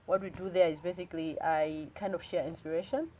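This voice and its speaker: A Malawian woman in her thirties speaks quickly in a slightly low voice as an interview guest. She talks earnestly and reflectively and switches languages in the middle of sentences. Faint noise sits behind her. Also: fairly even intonation, dark tone. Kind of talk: casual interview conversation.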